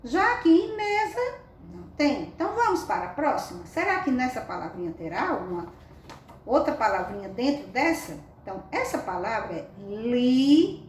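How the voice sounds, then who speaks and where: A woman's voice: on the high side, sing-song, moderate pace. A woman teaching a reading lesson to young children, with affectionate, sing-song coaxing questions. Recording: echoey room, mic at a distance, faint background noise.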